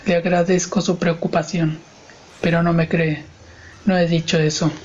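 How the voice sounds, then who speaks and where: A man's voice: on the high side, flat delivery, moderate pace, muffled recording, natural voice. A man voicing an exhausted, irritable man in an audiobook reading, giving short, clipped replies. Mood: weary.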